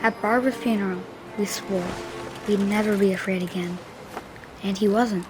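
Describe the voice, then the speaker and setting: A woman's voice: mid-range voice, fairly even intonation, normal speed, music in the background, lightly acted. A woman playing a solemn, earnest young boy who narrates memories of his twin brother in a video game. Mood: earnest, remembering. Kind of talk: scripted game narration, reading a memoir.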